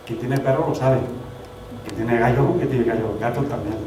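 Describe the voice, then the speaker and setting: A man's voice: medium pitch, steady tone, moderate pace, background noise. A man from giving an academic lecture in a municipal hall. He explains in a conversational way and keeps checking in with rhetorical questions. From Spain. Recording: very echoey hall, mic far off.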